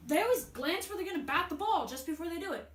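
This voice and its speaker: Woman voicing a smug brainy boy detective, high bright voice, roomy echo, amateur audio drama. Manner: cocky, excitable, quick to complain of boredom. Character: young Sherlock, clever bored know-it-all boy. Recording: roomy echo, faint noise.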